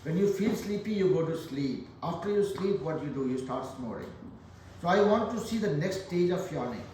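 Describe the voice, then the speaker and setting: This classroom math lesson features a man whose voice is a little high, expressive and darkish in tone, moving at a moderate pace. Joking and motivational, he talks straight to the class with dad jokes and pep talk, captured from a distance in an echoey classroom with slight background noise.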